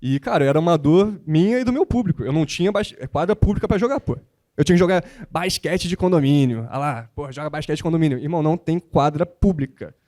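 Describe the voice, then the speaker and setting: Energetic man, slangy and motivational. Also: fairly high pitch, fast talker. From born in the United States, raised in Rio de Janeiro. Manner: animated and motivational, slangy with frequent "cara" and "pô". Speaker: guest, basketball content creator. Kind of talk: panel talk on stage.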